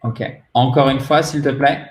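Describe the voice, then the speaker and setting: A man with a French accent, a native French speaker, teaching English pronunciation in a patient way and repeating words slowly for drilling. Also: medium pitch, steady tone, reverberant. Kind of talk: pronunciation lesson.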